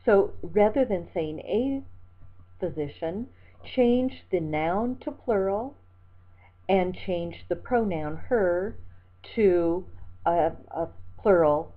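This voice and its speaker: A woman instructor gives a methodical slide lecture, reading examples and word lists aloud. Her voice sits a little low. The sound is thin and tinny, like a phone line. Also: lively intonation, takes it slowly. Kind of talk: recorded lecture over slides.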